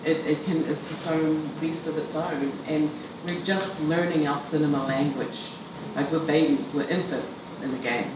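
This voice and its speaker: On a panel in an event hall, a filmmaker of Tongan heritage answers a question reflectively and loosely, laughing as she talks. Her medium-pitched voice stays steady at normal speed with hardly any pauses. The hall is echoey, and the distant mic picks up noise.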